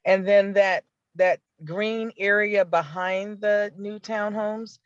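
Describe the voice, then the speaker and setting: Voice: medium pitch, steady tone, takes it slowly, clean tone, no room sound, muffled recording. A community member asking pointed questions at a neighborhood meeting over a call connection that keeps breaking up. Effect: patchy call connection that breaks up.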